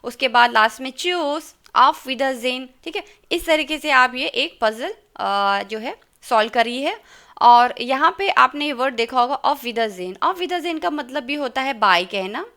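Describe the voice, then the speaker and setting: A woman's voice: high voice, expressive, unhurried, bright, forceful tone. A woman teaching German in an online lesson, patiently sounding out letters and explaining in Hindi mixed with English. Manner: patient, careful pronunciation, mixing Hindi and English.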